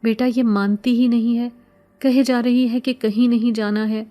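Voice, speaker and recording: A woman voicing a worried, soft-spoken mother in a horror storybook. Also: on the high side, little pitch movement, faint music behind, pitched above the performer's own voice, natural voice. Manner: soft, coaxing. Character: worried middle-aged mother, gentle and pleading.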